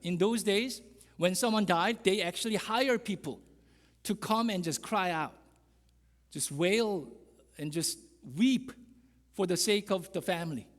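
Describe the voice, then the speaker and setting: A man preaching a sermon as pastor, telling the story dramatically and asking the congregation emphatic questions. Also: sits high. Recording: long reverb of a church hall.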